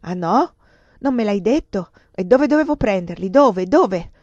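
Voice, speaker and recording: A woman reading aloud, voicing a ruined, desperate man who shouts bitter accusations. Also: medium pitch, expressive, moderate pace, dry recording, lightly acted. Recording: dull lo-fi dry recording.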